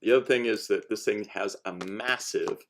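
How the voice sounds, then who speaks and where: This man's voice is fairly low in pitch yet fairly bright in tone, with a creaky texture and a moderate pace, and there is slight background noise. He gives a casual how-to as a hobbyist presenting his homemade gear, rambling, hesitating, and often stopping to begin again.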